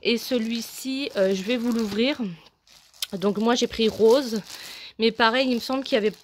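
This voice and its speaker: Young woman vlogger, slightly high voice, casual and chatty, a bit out of breath, plenty of fillers. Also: fairly even intonation, normal speed, slight background noise. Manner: chatty, many fillers, shows items to camera. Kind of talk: casual haul video chat.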